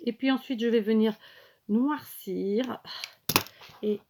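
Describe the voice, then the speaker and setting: A craft tutorial host talks viewers through making a handmade card step by step, chatty and casual. She often corrects herself and checks in with her audience. Her voice is on the high side and slow, with a noisy background.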